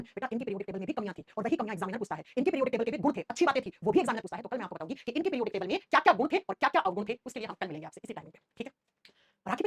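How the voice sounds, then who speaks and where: A woman teaching a live online science class, quizzing her students with quick repeated questions. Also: fairly high pitch, fairly bright tone, husky, no room sound, studio quality.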